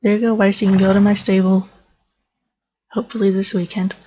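A woman's voice: medium pitch, little pitch movement, brisk, dark tone, husky, poor audio. A woman giving chatty, amused gameplay commentary, talking to herself as she plays. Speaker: let's player.

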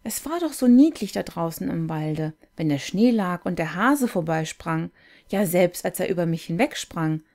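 A woman's voice: lowish voice, lively intonation, moderate pace, a little mellow. Woman voicing a wondering young fir tree. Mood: wistful. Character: naive, yearning young fir tree, male.

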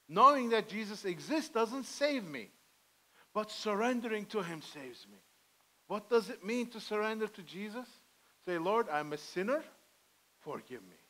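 A middle-aged pastor of Armenian heritage preaches from the pulpit of a medium-sized church sanctuary, earnest and pleading. His voice sits high with a fairly bright tone, and the headset-mic audio is poor.

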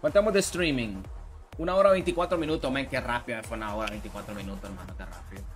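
Talking very fast in a mid-range voice, a young man chats loosely with viewers during a fighting-game stream, full of slang, repeated lines, and greetings to his audience. Faint music sits in the background.

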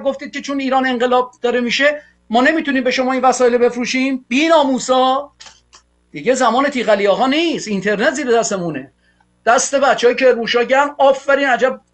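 High-voiced man ranting angrily. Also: fairly bright tone. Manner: angry, insulting, ranting. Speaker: TV show host. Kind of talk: fiery political commentary.

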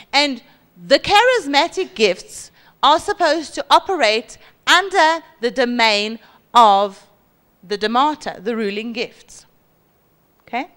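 A woman in her forties with a South African accent, preaching a sermon on a church stage into a handheld mic and mimicking boastful people. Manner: lively, acts out boastful voices with high pitch jumps. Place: large church hall stage.

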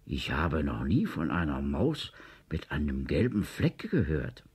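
A man voicing a gruff, slow-spoken company director who grumbles and mutters. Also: very animated, darkish tone, heavily acted. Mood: puzzled. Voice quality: low grumbling.

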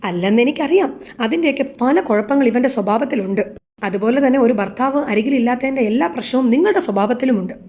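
Defiant young woman, accusing retorts, fairly high voice, read by a woman, lo-fi. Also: expressive, quick pace, a little mellow, close to an everyday voice. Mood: indignant. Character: defiant young woman, sharp-tongued daughter-in-law. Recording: slightly dull lo-fi recording.

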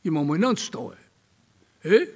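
A gravelly, high-pitched tough with a rough downtown Tokyo accent bullies and teases in a gruff, threatening manner, as an older man acts him out in comic storytelling. His voice rings out into a reverberant theater hall. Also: very animated, normal speed, heavily acted. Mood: brash, teasing. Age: 70s. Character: brash bullying rough male Edo tenant. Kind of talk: rakugo storytelling.

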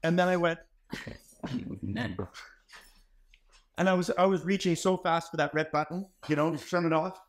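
A man's voice: a little high, moderate pace, pauses often. A man in his forties giving a motivational keynote in an ornate wood-paneled hall, telling stories in an emphatic, conversational way into a handheld microphone. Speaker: keynote speaker.

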